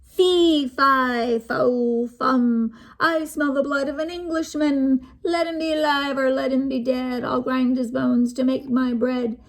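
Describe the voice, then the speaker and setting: Menacing storybook giant, booming chant, gravelly edge, as a woman puts him on. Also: steady tone, slow pace, few pauses. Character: huge menacing man-eating male giant.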